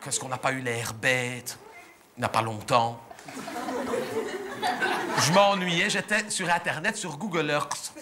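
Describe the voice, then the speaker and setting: Performing before a live theatre audience, a man with a Belgian French accent portrays a naive, gossipy middle-aged housewife in chatty, indignant stand-up. His natural, medium-pitched voice stays steady at a measured pace with long pauses, while the recording is very noisy. He tells the story breathlessly.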